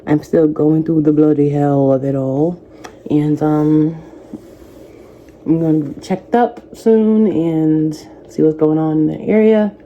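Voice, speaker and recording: A woman in her thirties, a vlogger, speaking softly and reflectively to camera, offering faith-based encouragement. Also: sits low, fairly even intonation, slow pace, narrow, tinny audio, a little hiss or hum. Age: 30s. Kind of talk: personal talk to camera.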